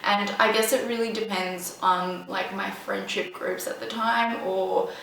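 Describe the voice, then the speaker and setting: In her casual Q&A vlog, a twenty-something Estonian vlogger chats freely, peppering her speech with ums and likes. She sounds mid-range, steady, and unhurried, slightly bright with some vocal fry, and the distant mic picks up room echo and slight background noise.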